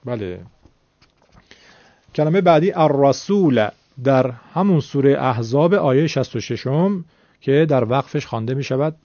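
A man's voice: medium pitch, expressive, warm tone, dry recording. Male teacher going through recitation rules, patient, stretches out example words, dry muffled lesson recording. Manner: patient, explanatory, drawn-out demonstration of words.

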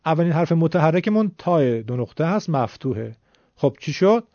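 Man, teacher, fairly high voice, patient, reassuring, step-by-step explanation, dry lo-fi recording. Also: sing-song, mellow, dry recording. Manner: patient, reassuring, repeats key rules. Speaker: Quran reading teacher.

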